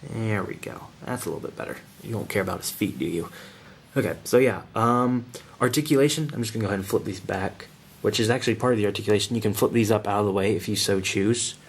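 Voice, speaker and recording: Casual, low-pitched man reviewing toys. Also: quick pace, vocal fry, a little hiss or hum. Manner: informal, slangy, enthusiastic. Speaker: toy reviewer. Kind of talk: casual hands-on video review.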